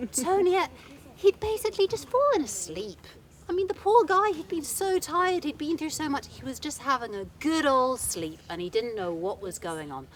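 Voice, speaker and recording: A woman telling a folktale live to an audience, in a chatty, animated way with playful asides. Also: fairly high pitch, slight background noise. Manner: lively, chatty, dramatic asides. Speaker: storyteller.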